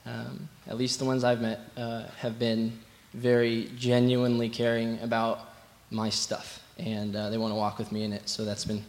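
Flat-voiced man sharing advice haltingly. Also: mid-range voice. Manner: hesitant, many fillers. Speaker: church member guest. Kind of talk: onstage testimony.

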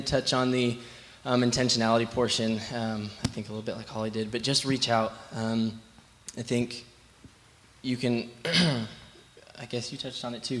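A man's voice: mid-range voice, fairly bright tone. A man sharing church advice onstage, hesitant with many ums. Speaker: church member guest. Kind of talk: onstage testimony.

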